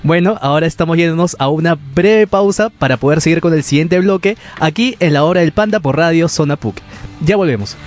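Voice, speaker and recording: A man's voice: a little high, a little fast, soft background music. A man hosting a university radio talk show.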